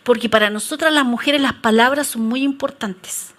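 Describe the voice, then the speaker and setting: Chilean woman pastor, high bright voice, jokey sermon storyteller. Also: normal speed. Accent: Chilean Spanish. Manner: lively, joking storyteller.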